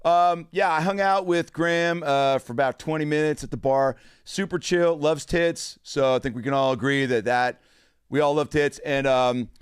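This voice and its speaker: A man casually telling profane stories on a podcast, animated and laughing as he goes. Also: fairly high pitch, moderate pace, clear, resonant tone, no echo, clean studio sound. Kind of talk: casual storytelling.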